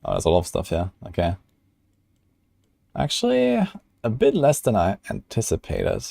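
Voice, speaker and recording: Young male streamer, low mellow voice, loose rambling chatter, dry close sound. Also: wildly swooping pitch, normal speed, gravelly, no room sound. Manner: rambling, filler-heavy. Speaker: gaming streamer. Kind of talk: casual livestream commentary.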